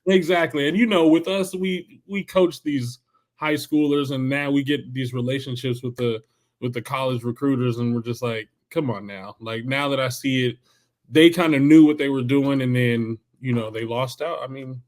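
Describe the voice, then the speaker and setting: A man from the Bay Area in California, a former football player now coaching high schoolers, telling recruiting stories as a podcast guest. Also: moderate pace. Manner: relaxed storyteller, acts out quoted coaches. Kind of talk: casual interview storytelling.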